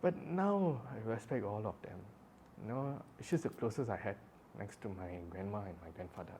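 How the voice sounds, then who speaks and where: A man's voice: lowish voice, lively intonation, warm tone, a little hiss or hum. Emotional young man. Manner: halting, rambling, with many fillers and restarts; emotional and apologetic. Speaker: vlogger. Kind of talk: personal storytelling monologue.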